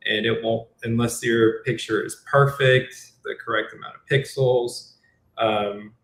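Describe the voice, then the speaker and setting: A man's voice: mid-range voice, fairly even intonation, unhurried, fairly bright tone. A man on a group call, sounding like he is in a cave, chatting casually and explaining things plainly. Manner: easygoing, explains things plainly with light laughs. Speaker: podcast co-host. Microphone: poor remote call mic. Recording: cave-like echo from a roomy space.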